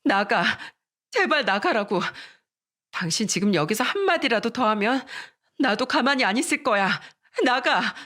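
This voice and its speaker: A woman voicing a sick young wife who pleads and shouts in desperation. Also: on the high side, expressive, unhurried. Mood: desperate.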